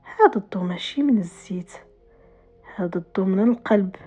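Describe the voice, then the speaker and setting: A woman's voice: mid-range voice, lively intonation, a little fast, warm tone, breathy edge. Inquisitive Moroccan neighbourhood official, male, played by a female storyteller, folk tale, slightly lo-fi. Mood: awed.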